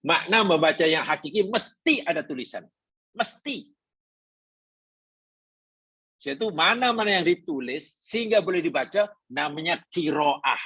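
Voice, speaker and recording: A man's voice: on the high side, lively intonation, normal speed, hardly any pauses, sharp tone, breathy edge, no room sound. A man with a Malaysian Malay accent teaching a Quran class, explaining patiently, repeating his points and asking the congregation questions. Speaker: religious teacher.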